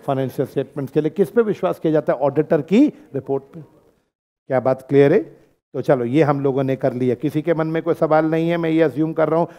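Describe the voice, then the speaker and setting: An Indian man gives a classroom lecture in a fairly high voice. He mixes English terms into his talk and keeps pausing to ask whether the point is clear. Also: lo-fi sound. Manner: checks understanding often, mixes English terms. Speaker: teacher.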